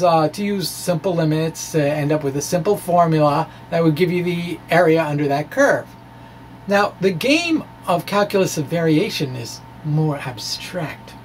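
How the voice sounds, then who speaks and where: Speaking into a handheld-style microphone on a stand, a middle-aged man with a high-sitting voice gives an informal physics explanation as a science blogger. He's chatty and halting, with frequent asides, in a small bookshelf-lined room where background noise and room ambience come through clearly.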